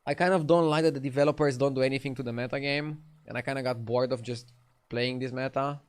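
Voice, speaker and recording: This young man's voice is medium-pitched, steady, and smooth, and he talks quickly. Lightly accented in Romanian, he chats in a laid-back way with his stream audience during a card game, fielding chat between plays.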